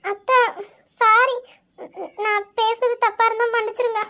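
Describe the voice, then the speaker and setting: A woman's voice: very high-pitched, little pitch movement, measured pace, bright, forceful tone, exaggerated voice. A woman voicing an emotional young pregnant daughter-in-law in a family drama. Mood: hurt. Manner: tearful, pleading.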